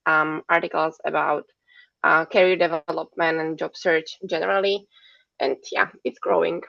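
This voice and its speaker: European woman, low and a bit gravelly, talking steady on a dull lo-fi call. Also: no echo. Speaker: guest speaker. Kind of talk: self-introduction on a webinar. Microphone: video call mic. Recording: dull lo-fi video call audio.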